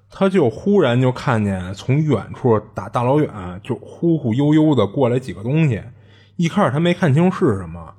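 A man's voice: mid-range voice, a little mellow, husky. A man telling a strange tale in a chatty, rambling podcast style. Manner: chatty, rambling, many fillers and restarts. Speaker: podcast host. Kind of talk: casual storytelling.

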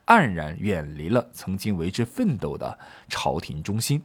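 A man with a deep, slightly rough voice speaks at normal speed and with great animation. He's a literature explainer walking through a classical poem as a casual storytelling lesson, full of jokes on the side and lots of fillers.

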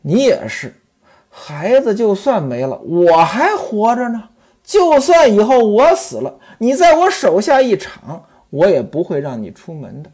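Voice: mid-range voice, sing-song, a little slow, a little mellow, breathy edge. A storyteller voicing a grieving young mother who speaks with weary resignation. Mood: consoling.

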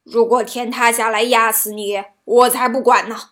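A woman voicing a big male tiger who is gullible and quick to anger, in a children's storybook reading, speaking his lines loudly. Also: sits high, lively intonation.

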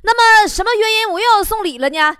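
A woman's voice: very high voice, animated, quick pace, a bit bright, no echo, studio quality. A young woman comedian with a Northeastern Mandarin accent, telling a stand-up monologue with dialect slang and chuckles. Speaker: talk show comedian. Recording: noisy recording with clicks.

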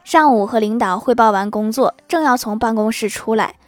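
A woman with a somewhat high voice narrates a string of short comic anecdotes. She reads them in a storytelling way and chuckles softly when a punchline lands. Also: moderate pace, soft background music. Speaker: joke narrator.

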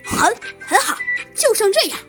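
A woman's voice: very high voice, sing-song, moderate pace, fairly bright tone, voice pushed up, heavily acted. A woman voicing a bossy male monkey police chief in a children's story, over faint music. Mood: stern. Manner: bossy, commanding.

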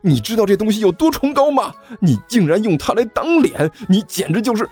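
A man's voice: medium pitch, very animated, brisk, breathy edge, faint music behind. A man voicing a fat, grumpy man who scolds and complains in exasperation. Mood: indignant.

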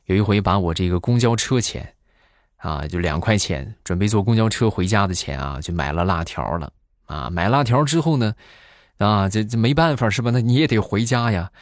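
A man in his thirties telling comic stories in a chatty way, filling pauses with drawn-out fillers. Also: lowish voice, expressive, no echo, studio quality. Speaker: comedy vlogger. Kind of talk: comic storytelling monologue.

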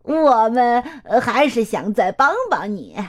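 A woman's voice: on the high side, very animated, measured pace. A woman voicing a playful male monkey in a children's storybook, speaking in a soothing, encouraging way.

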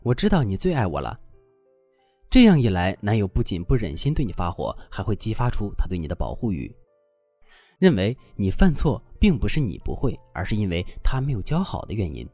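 A man's voice: on the low side, fairly quick, soft background music. A man giving dating advice in scripted, instructive narration. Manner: instructive, expressive.

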